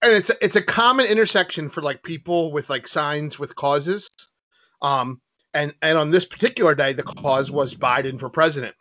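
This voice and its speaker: A middle-aged man and father chatting casually on a podcast, telling stories with lots of laughter and quick asides. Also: fairly high pitch. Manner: animated storyteller, laughs often. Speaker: podcast co-host. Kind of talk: casual chat.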